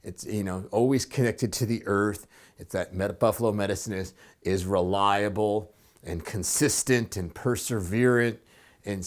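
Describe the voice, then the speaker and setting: A man, a psychotherapist and coach, giving calm, reflective advice on his own, with frequent fillers and restarts. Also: lowish voice. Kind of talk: solo advice talk to camera.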